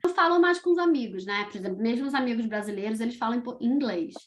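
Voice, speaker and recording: A middle-aged woman from Brazil talks in a casual interview, her voice sitting a little higher than most. She tells her stories in an animated, chatty way, stringing thoughts together with small fillers. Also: fast talker. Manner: chatty, animated storytelling with fillers like "tipo" and "sabe". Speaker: podcast creator, guest.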